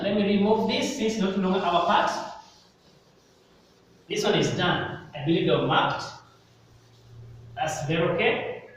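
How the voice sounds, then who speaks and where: A man teaching an English grammar lesson, speaking slowly and repeating and stressing key words, recorded in a classroom. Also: sits high, fairly bright tone. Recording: echoey hall, mic far off, faint noise.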